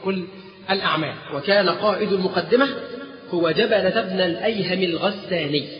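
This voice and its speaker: Fast, high-voiced Egyptian preacher in a hall. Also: male voice. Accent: Egyptian Arabic. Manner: storytelling with rhetorical fill-in questions to the audience. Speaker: religious lecturer. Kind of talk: religious history lecture. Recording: dull, echoey hall recording.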